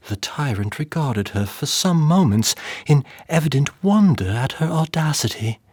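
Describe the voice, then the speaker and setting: A man narrating a dark tale in a measured, dramatic manner, sinking to whispers. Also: fairly high pitch, husky, no room sound, studio quality. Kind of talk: dramatic story reading.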